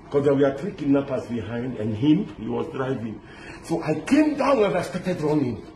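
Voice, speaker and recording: This middle-aged Lebanese man, interviewed about a kidnapping, speaks at a medium pitch in an animated, stop-start way, often restarting and mixing in pidgin. There's slight background noise, and the audio is echoey with loud street ambience.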